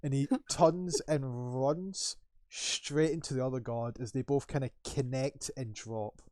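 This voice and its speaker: A man's voice: mid-range voice, a little slow, darkish tone, no echo, studio quality. A man narrating as game master of a tabletop game, laughing often and slipping into character voices.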